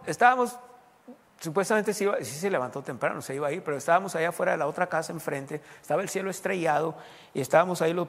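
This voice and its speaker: High gravelly preaching man, hall echo. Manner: animated preaching, mimics congregants' voices. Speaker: pastor. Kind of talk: sermon. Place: church. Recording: reverberant church hall.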